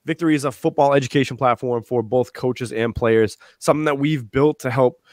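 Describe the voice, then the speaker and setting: A man's voice: mid-range voice, dry recording. Casual young man hosting a video call. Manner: relaxed, quick, lots of fillers and restarts. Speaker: live clinic host and high school football coach. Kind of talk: casual live-stream presentation. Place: small room at home. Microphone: earphone mic on a video call.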